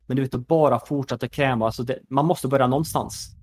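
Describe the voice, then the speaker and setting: A man's voice: medium pitch, steady tone, darkish tone. Chatty Swedish man in his thirties. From Sweden. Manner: chatty, filler-heavy, lots of "you know" asides. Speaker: former pro gamer turned esports executive. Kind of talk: casual podcast conversation.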